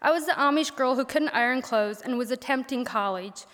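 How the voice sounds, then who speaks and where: A young woman from Missouri, USA, a graduating college student and native Pennsylvania Dutch speaker with that accent, reads her prepared senior speech at a college assembly. Her voice is high-pitched and brisk, her humor gently wry, and the auditorium sound is echoey.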